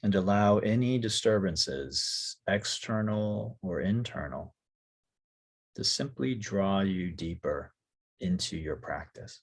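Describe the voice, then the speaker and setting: With a husky voice that sits low, a man teaches a guided yoga nidra session. He keeps his tone soft and calm, offering short phrases and leaving long pauses.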